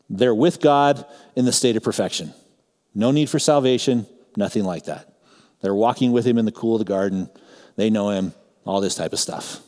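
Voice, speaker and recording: Low-voiced man preaching in a reverberant church. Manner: teaching, conversational, swings between emphatic and quiet asides. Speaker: pastor. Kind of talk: sermon. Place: church sanctuary.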